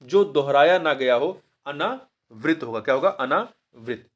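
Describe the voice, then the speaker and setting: Man slowly repeating answers as a teacher. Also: fairly high pitch, lively intonation. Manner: explains each answer, then repeats key words slowly; pauses to correct himself mid-word. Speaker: exam prep teacher. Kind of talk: walking through a Hindi test paper.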